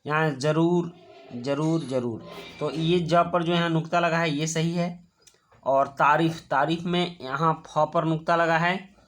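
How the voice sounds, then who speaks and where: A man teaching a children's worksheet lesson, explaining patiently step by step and repeating words slowly. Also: a little high, flat delivery, fairly bright tone.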